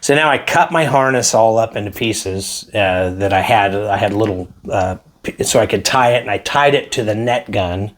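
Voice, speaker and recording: A man's voice: fairly low pitch, moderate pace, slight background noise. Man telling a wild flying story. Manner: animated storyteller acting out quotes. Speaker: helicopter pilot guest. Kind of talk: casual storytelling interview.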